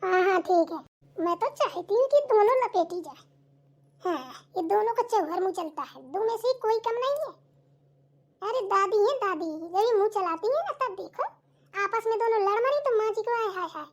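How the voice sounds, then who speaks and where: A woman's voice: extremely high pitch, lively intonation, moderate pace. Woman voicing a sly teasing cartoon daughter-in-law. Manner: sly, teasing, chuckling asides. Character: sly gossiping young daughter-in-law, mocking.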